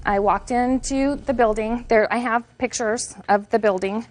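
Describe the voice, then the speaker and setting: A woman's voice: a little high, moderate pace, darkish tone. A woman testifying as plaintiff in court, telling her side in an earnest, detailed, somewhat defensive way.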